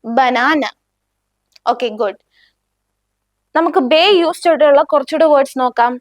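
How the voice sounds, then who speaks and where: A woman's voice: high-pitched, fairly quick, a little mellow, no room sound, clean studio sound. A woman with a Malayali accent teaching a beginner German lesson, patiently saying each word twice and asking learners to repeat after her. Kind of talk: slow beginner language lesson with repetition drills.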